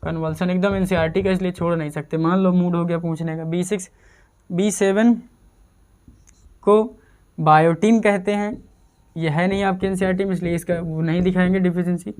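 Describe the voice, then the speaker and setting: A man's voice: sits high, fairly even intonation, moderate pace, a little mellow, clean tone. A man giving a casual exam-prep chemistry lecture, repeating terms and asking and answering his own questions. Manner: repetitive drilling, asks and answers own questions. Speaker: chemistry teacher.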